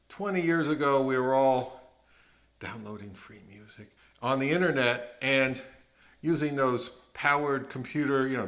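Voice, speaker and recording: Narrating a product review as host, this middle-aged man has a mid-range, slightly bright voice. He muses aloud in a conversational style, frequently tossing out rhetorical questions.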